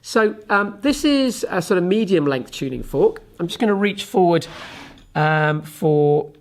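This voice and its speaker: A man teaching a physics lesson to camera, chatty and unhurried, often pausing with ums while he demonstrates with objects. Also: high voice, expressive. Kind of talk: relaxed classroom explanation to camera.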